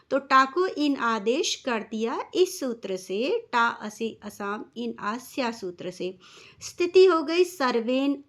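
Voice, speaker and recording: A woman's voice: high-pitched, fairly bright tone. A young woman teaching Sanskrit grammar, patiently reciting rules and working through each step. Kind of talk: explanatory lesson.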